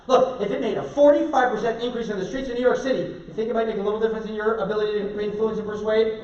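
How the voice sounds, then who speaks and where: A man giving a lively seminar talk, chatty and energetic, asking his audience questions. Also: sits high, rapid-fire, slight background noise. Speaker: seminar speaker. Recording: distant mic, echoey hall, dull lo-fi sound.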